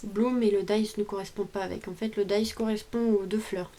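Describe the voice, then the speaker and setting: In a steady, mellow, mid-range voice at normal speed, a woman vlogger walks through her craft haul at home. Her manner is chatty and hesitant, with thoughts often trailing off, and slight background noise is present.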